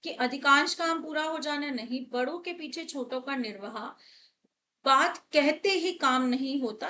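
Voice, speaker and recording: A woman's voice: high-pitched, fairly bright tone, slight background noise. A young woman teacher working through exam questions, asking and answering her own questions as she explains. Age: young adult. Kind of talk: exam paper walkthrough lesson.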